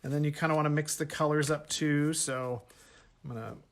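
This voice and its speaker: A man's voice: a little high, fairly even intonation, brisk. Chatty man demonstrating painting. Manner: chatty, thinks aloud while working, self-correcting. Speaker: art instructor. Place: home art workspace at a table.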